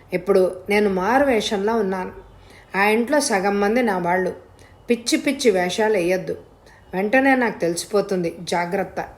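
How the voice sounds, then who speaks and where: Woman doing a sneaky bad guy from a storybook, cold and bossy, quiet threats. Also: mid-range voice, lightly acted. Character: scheming male villain in disguise, menacing.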